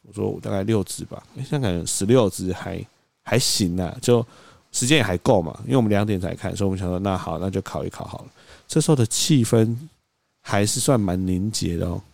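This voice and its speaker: A man, co-hosting a podcast, telling a story in an animated way and acting out quoted lines. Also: low voice, fast, gravelly, no echo. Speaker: podcast co-host. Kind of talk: casual storytelling chat.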